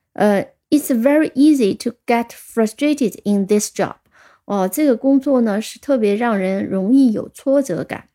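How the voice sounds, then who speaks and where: A woman teaches English vocabulary in a patient, methodical way. Her voice sits a little high but sounds soft and mellow. She slows down for example sentences and spells words letter by letter. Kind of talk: vocabulary lesson.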